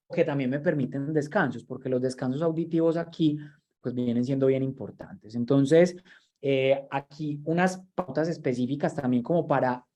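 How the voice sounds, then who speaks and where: A man's voice: fairly high pitch, warm tone. A man, giving an online training lecture over a video call. He talks in a conversational way and often repeats words while he looks for the next one. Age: 30s. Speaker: university lecturer and workshop trainer.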